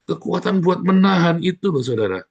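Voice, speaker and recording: A man preaching a sermon as pastor, speaking in an animated way with sudden loud exclamations. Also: high voice, a little fast, creaky, dull audio.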